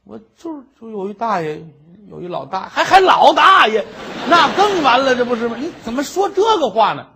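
A man voicing a flustered, lovesick young scholar who stammers and pleads, with a husky voice. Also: sits high, expressive, brisk, hardly any pauses, voice pushed up, heavily acted.

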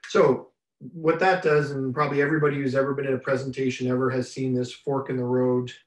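Through a webcam on a video call, a man's slightly raspy voice, worn from much talking, comes across roomy and distant from his indoor home room. A business mentor, he gives an unscripted slide presentation for a webinar, halting with many fillers and restarts. His pitch is medium with little movement.

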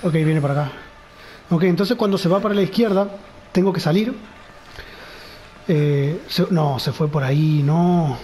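A man's voice: on the high side, a little slow, long pauses, a little mellow, slight background noise, rough recording. A man with a Rioplatense Spanish accent narrating a horror game, muttering nervously and frightened to himself. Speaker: gamer. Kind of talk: horror game let's play commentary.

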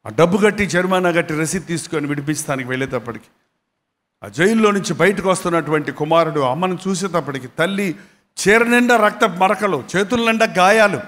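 A male pastor delivering an emotional sermon in a high voice. He tells the story dramatically, his loudness rising and falling sharply, and his words ring out in a hall with a long echo. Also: expressive, a little fast. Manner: dramatic, emotional preaching with big swings in loudness.

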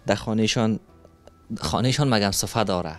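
A man, hosting a street interview with working children and asking them questions in a gentle, coaxing, soothing way full of endearments. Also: lowish voice, soft background music. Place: street outdoors.

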